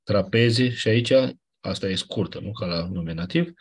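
A man teaching a class, explaining grammar rules patiently, often checking that students follow and clearing his throat now and then. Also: sits low. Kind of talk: classroom lecture on Ancient Greek grammar.

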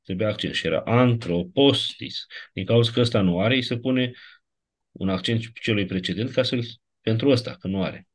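A man teaching a lecture class, explaining grammar step by step and checking in with his students. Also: fairly low pitch.

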